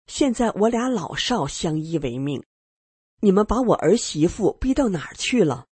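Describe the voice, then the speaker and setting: A woman's voice: lowish voice, very animated, moderate pace, darkish tone, slightly rough, no room sound, full character voice. A woman voicing an elderly grandmother who is stern and protective, in a dramatized radio story. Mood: indignant.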